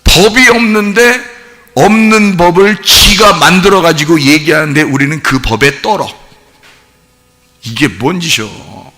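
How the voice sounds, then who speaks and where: A male pastor preaching an emphatic sermon in a church, firing off rhetorical questions and often shouting. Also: on the high side, unhurried, in a large hall.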